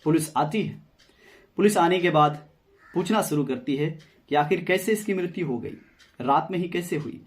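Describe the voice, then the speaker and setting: Male true-crime storyteller, casual chatty delivery, slightly high pitch. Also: normal speed, long pauses. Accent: Hindi. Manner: conversational, repeats phrases, addresses viewers as friends.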